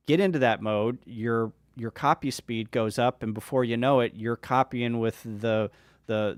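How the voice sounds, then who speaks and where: A man with a mid-range voice joins a casual livestream chat as a panelist, rambling enthusiastically and using lots of fillers. The recording is studio quality with no echo.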